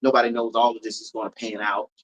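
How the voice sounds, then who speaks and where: A man's voice: fairly low pitch, fast, low-quality recording. A man from Florida who works as a comedian and event host, talking casually in an interview with emphatic, riffing storytelling. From Polk County, Florida. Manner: animated, emphatic storytelling with repeated riffs.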